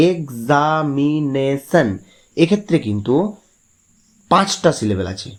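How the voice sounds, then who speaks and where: A man teaching a grammar lesson, explaining patiently and drawing out example words slowly. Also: mid-range voice, a little mellow.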